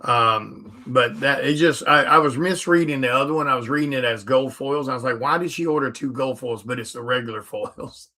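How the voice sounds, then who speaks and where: A man's voice: medium pitch, moderate pace, hardly any pauses, bright, forceful tone. A tired man who is a comic artist, chatting casually on a livestream while he sorts orders and mutters the items to himself.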